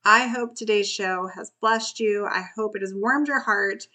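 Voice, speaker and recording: A woman with a bright, thin and squeaky voice speaks as a solo podcast host. She coaches the listener directly, in an earnest, emphatic motivational style. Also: measured pace.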